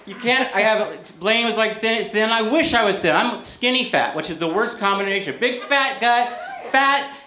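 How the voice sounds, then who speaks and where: A man's voice: high voice, a little fast, hardly any pauses, sharp tone. A man performing self-deprecating stand-up comedy live on stage. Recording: echoey, noisy live club recording.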